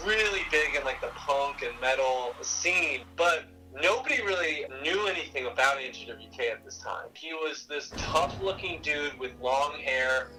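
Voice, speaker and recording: A man in his thirties telling a long, animated story in casual chat, acting out other people's voices and swearing casually. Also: a little high, normal speed, few pauses, faint music behind, rough recording.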